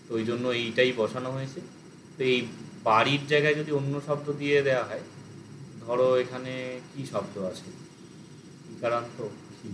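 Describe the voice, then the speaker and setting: A man teaching an online language lesson, explaining grammar and reciting word forms slowly. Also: mid-range voice, slight background noise, rough recording.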